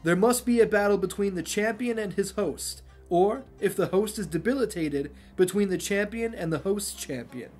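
Man doing an honorable monk warrior, earnest, formal, higher voice. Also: moderate pace, hardly any pauses, darkish tone, faint music behind, close to an everyday voice.

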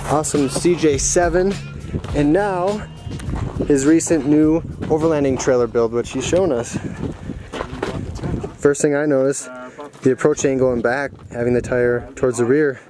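With music playing underneath, a young adult vlogger and host speaks at normal speed in a medium-pitched, fairly even voice, pausing often in his relaxed, slangy chat. He's recorded outdoors at arm's length on a handheld camera in a dirt yard by garages, amid vehicle noise.

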